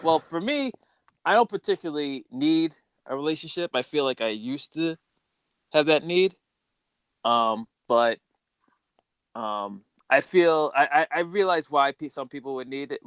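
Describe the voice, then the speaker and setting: A man's voice: medium pitch, smooth, dry recording. A man hosting a podcast in casual chat, exclaiming and thinking aloud with restarts. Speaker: podcast host.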